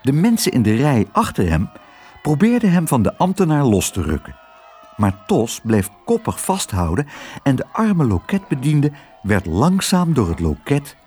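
Guy reading a kids' story out loud, husky, super animated pitch. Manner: expressive reading. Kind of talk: audiobook narration.

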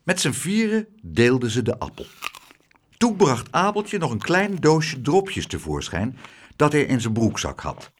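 A man narrating a children's storybook in an expressive, dramatic way. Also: medium pitch, measured pace, a little hiss or hum.

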